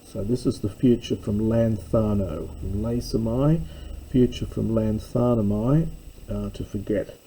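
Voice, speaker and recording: Gravelly, dark-voiced man teaching Greek. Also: on the low side, slight background noise, poor audio. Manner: careful, halting, with frequent fillers. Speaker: classics teacher. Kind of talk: reading and translating Greek text line by line.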